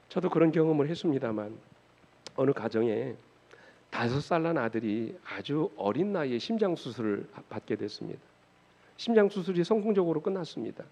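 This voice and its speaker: A male pastor preaching a sermon in a church, putting rhetorical questions to the congregation and swinging between hushed and raised delivery. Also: fairly high pitch. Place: church sanctuary. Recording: dull lo-fi church recording.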